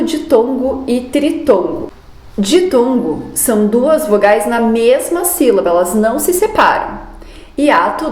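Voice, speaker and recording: A woman teaching young pupils, explaining step by step in a clear, patient way. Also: on the high side, darkish tone, echoey room. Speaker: primary school teacher. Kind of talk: recorded review lesson for children.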